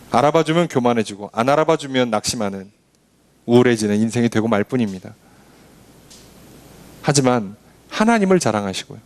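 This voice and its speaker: Lively Korean-preaching male pastor. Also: medium pitch. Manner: lively preaching, acting out boastful voices with scoffing clicks. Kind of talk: sermon.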